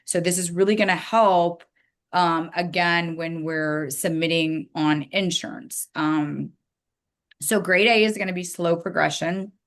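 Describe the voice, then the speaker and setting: Presenting a dental hygiene webinar from her slides, a woman with a slightly low voice talks in a relaxed, chatty way. She uses fillers and apologizes quickly when she stumbles, and the audio sounds like a computer microphone on a video call.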